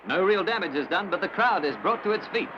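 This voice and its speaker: A man giving brisk, formal sports commentary in an old newsreel, from Australia. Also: high-pitched, expressive. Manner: brisk, formal announcer delivery. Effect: old newsreel recording. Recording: dull lo-fi old film soundtrack with hiss.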